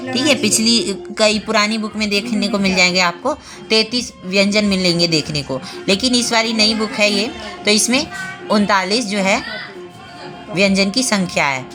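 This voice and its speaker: Woman teaching, soft music behind. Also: medium pitch. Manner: explains step by step, often checking with "ठीक है"; spells out sounds slowly, one by one. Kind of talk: online grammar lesson.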